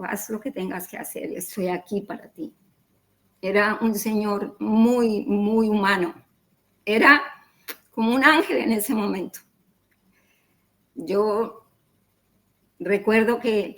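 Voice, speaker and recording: A woman's voice: medium pitch, poor audio. A middle-aged woman telling her personal story in an interview, acting out the dialogue in quoted voices and repeating words as she goes. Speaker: interview guest.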